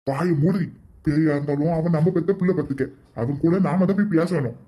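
A performer voicing a gruff, scolding village father in a cartoon comedy, speaking with a Kanyakumari Tamil accent. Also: mid-range voice, a little fast, warm tone, pitched below the performer's own voice, natural voice.

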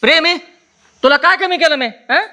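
An actor playing a betrayed rustic husband, speaking in an accusing, scornful way. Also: male voice, very high voice, normal speed, sharp tone, exaggerated voice. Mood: angry.

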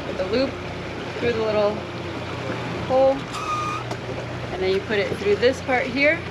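On an open boat deck at sea, a spearfishing vlogger in her thirties walks through a how-to demonstration in a relaxed, step-by-step way, dropping fillers like "like" and "so." Her voice is fairly high and unhurried. It's filmed on an action camera, with loud wind and water noise throughout.

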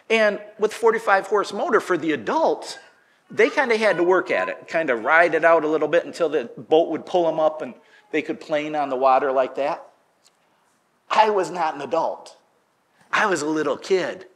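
Folksy small-church pastor, middle-aged man. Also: on the high side. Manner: folksy storytelling, grows loud and animated at the story's peak. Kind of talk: sermon. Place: church sanctuary.

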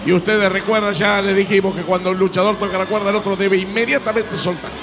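A man with an Argentine accent giving excited, emphatic play-by-play wrestling commentary, repeating words for effect. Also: high-pitched, fast talker, over music. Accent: Argentine Spanish.

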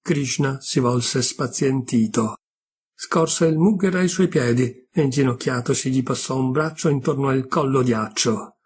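A man reading a classic short story aloud with measured literary narration. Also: mid-range voice, husky. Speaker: reader. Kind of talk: scripted narration.

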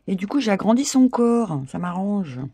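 A middle-aged woman talks viewers through a craft project in a chatty, casual way. Her voice is husky and gravelly, with a dark, low tone. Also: animated, normal speed, no echo. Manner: chatty, laughs often, addresses viewers directly. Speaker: craft tutorial host. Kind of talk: casual craft tutorial talk.

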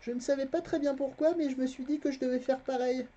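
A reader voicing an earnest, quick-witted young farm boy in a high, eager voice, reading a fantasy novel aloud. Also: fairly even intonation, mellow, natural voice. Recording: dull, lo-fi stream audio.

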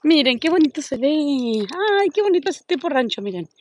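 A woman chatting casually into her phone while she walks outdoors, and she coos in a high voice at the dogs she passes. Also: big pitch swings, normal speed, a little mellow, a little hiss or hum. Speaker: vlogger. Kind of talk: casual walking vlog. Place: outdoors on a neighborhood street. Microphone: phone held while walking.

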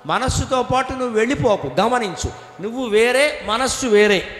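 A man delivers a spiritual discourse with a high voice and an animated, teasing manner, sometimes chanting verses. His voice carries a long, echoing reverb, as in a large hall. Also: moderate pace. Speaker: spiritual lecturer. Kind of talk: Telugu religious discourse. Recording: echoey hall.

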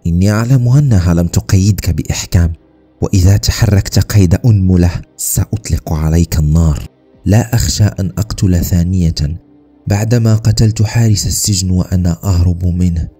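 A man's voice: low-pitched, brisk, warm tone, breathy edge, soft background music. A man reading as a cold-blooded serial killer. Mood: menacing.

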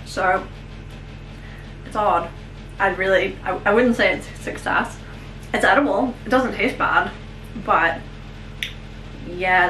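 A middle-aged woman vlogging from her home kitchen, self-deprecating and halting, full of ums, filmed on a phone. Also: medium pitch, pushed and bright, reverberant. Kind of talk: casual kitchen vlog. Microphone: phone camera.

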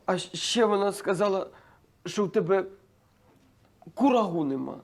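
An actor playing a naive, dim-witted village pop star who sounds bewildered, stammers and mixes Russian words into Ukrainian, in a comedy sketch. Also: male voice, high voice, expressive, moderate pace.

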